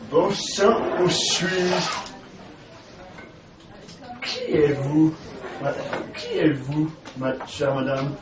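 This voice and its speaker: A man's voice: fairly high pitch, very slow, pauses often, noisy background. A man acting a pompous, formal man who believes he is a French noble lord, speaking in a courtly way. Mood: haughty. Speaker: amateur stage actor. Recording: echoey room, far from the mic, crowd behind.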